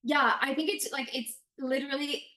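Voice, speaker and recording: A woman's voice: high voice, moderate pace. A woman from Canada whose first language is French, chatting animatedly as an actress guest. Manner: animated, expressive, laughs often. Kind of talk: casual chat.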